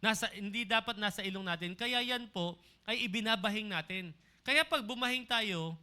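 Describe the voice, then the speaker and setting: Bright high-voiced male pastor preaching. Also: moderate pace, clear, resonant tone. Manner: calls on the congregation for amens; mixes English phrases into his preaching. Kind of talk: sermon. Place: church service.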